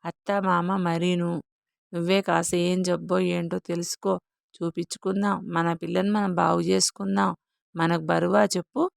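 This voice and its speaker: A woman's voice: lowish voice, flat delivery, normal speed, creaky, dry recording, clean studio sound. A woman voicing a blunt protective brother. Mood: urging. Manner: blunt and forceful. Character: protective elder brother, a blunt, caring village man.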